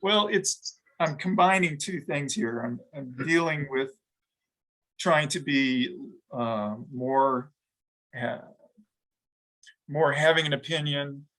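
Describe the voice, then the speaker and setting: A middle-aged man, a guest in an interview, talking reflectively with frequent pauses, fillers and restarts. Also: on the high side, fairly bright tone, low-quality recording. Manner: halting, thoughtful, many restarts and fillers. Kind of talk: reflective conversation.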